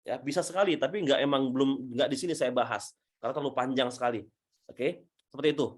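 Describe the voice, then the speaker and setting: A man coaching public speaking, answering audience questions in an energetic, emphatic way, often restarting sentences and building points step by step. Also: medium pitch, quick pace. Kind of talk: Q&A teaching session.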